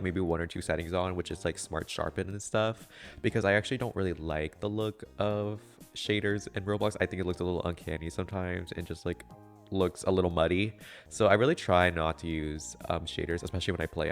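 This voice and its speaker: Low-voiced nasal young man, stuffy. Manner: a little monotone, with frequent fillers. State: stuffy nose. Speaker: game tutorial creator. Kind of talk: casual voiceover tutorial.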